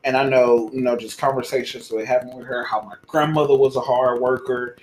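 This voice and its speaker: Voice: medium pitch, little pitch movement, brisk, darkish tone. Podcast host, casual and blunt, swears freely, heard in a roomy, echoing room. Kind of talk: casual chat. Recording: roomy echo.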